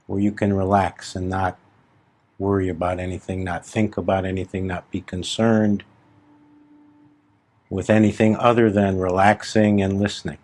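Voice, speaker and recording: Speaking low and flat, a male spiritual teacher walks listeners through a meditation, giving short, gentle directions with long, leisurely pauses in between.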